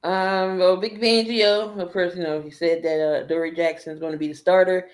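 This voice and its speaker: A woman's voice: on the low side, steady tone, normal speed. A woman co-hosting a casual sports podcast, chatty and joking with frequent filler words. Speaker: podcast co-host.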